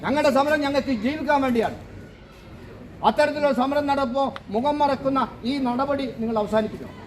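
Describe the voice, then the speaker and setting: A man with a very high, piercing voice gives a fiery protest speech as a trade association leader. He hammers at the authorities with accusing rhetorical questions. Faint street noise hums behind him. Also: fairly even intonation, brisk.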